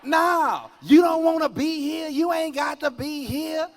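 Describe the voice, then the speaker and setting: A man voicing his angry wife as she locks him out, scolding in a shrill voice. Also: expressive, unhurried. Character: angry shouting wife locking husband out.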